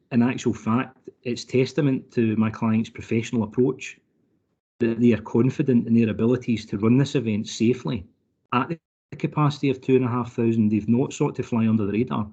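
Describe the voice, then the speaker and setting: Man on a lo-fi video call, husky. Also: mid-range voice, dark tone. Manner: persuasive, courteous, keeps addressing the panel formally. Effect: remote video call audio. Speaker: solicitor for a licence applicant. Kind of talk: formal legal submission to a committee. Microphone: computer mic on a video call. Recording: dull lo-fi online call audio.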